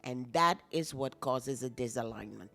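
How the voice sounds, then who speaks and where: A woman's voice: very deep voice, moderate pace, vocal fry, bright, forceful tone. A woman co-hosting a wellness talk show, explaining her points in an earnest way. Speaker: co-host. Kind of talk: casual talk show chat.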